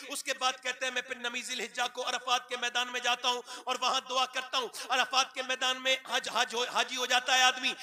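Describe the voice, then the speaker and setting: Impassioned preacher man, very high bright voice. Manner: swings between loud exhortation and hushed, tearful narration. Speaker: Islamic preacher. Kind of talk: emotional sermon with storytelling.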